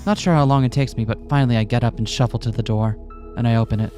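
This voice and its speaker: A man's voice: medium pitch, steady tone, quick pace, dark tone, soft background music. A man co-hosting a let's play, switching between casual commentary and reading a visual novel aloud with playful, theatrical asides.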